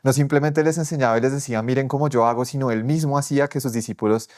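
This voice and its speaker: Young man, mid-pitched voice, earnest faith testimony told as a personal story. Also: steady tone, fast, darkish tone. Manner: earnest storytelling, often quoting himself. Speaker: testimony speaker.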